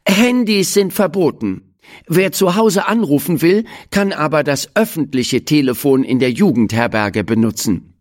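A narrator voicing a patient but firm female schoolteacher who quizzes her class in a bright, coaxing tone, in a children's storybook reading. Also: medium pitch, a little slow, voice pushed up, close to an everyday voice. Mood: instructive. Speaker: class teacher.

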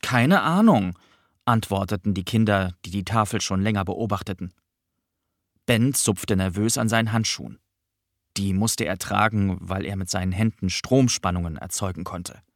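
A man with a fairly low voice reads a children's story aloud. His delivery is steady and clear. The recording is dry and close, with no room echo. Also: normal speed. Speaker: audiobook narrator. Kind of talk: children's book reading.

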